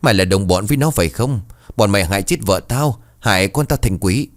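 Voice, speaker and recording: A man's voice: lowish voice, expressive, brisk, dry recording, clean studio sound. A man voicing a grief-crazed older village chief who wails and rants. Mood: raging. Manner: wailing, ranting.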